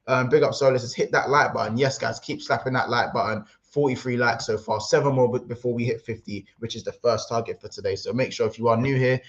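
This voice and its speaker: A man hosting a casual football livestream, rambling and excitable, reading out chat messages. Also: mid-range voice, quick pace, hardly any pauses, dull audio. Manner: excitable, rambling, London slang. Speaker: livestream host.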